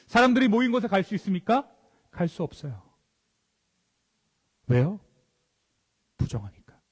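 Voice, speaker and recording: A man preaching from the pulpit, his voice pitched high and moving animatedly up and down. He keeps asking the congregation questions and answering them himself, with phrase endings that sink quietly. The sermon carries a long reverb through the church hall. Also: husky. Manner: rhetorical questions answered himself, dropping to soft low endings. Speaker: pastor. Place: church sanctuary. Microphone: handheld or stand mic.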